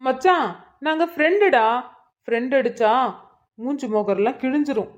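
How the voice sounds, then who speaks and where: A woman's voice: high-pitched, lively intonation, normal speed. A woman voicing a joking male friend in a cartoon who makes mock threats. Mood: bantering. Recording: dull lo-fi recording.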